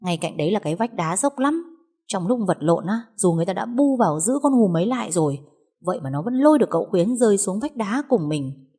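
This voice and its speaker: A woman's voice: medium pitch, animated, fast talker, mellow, slightly rough. A woman voicing a young village man who urgently recounts a deadly tiger hunt.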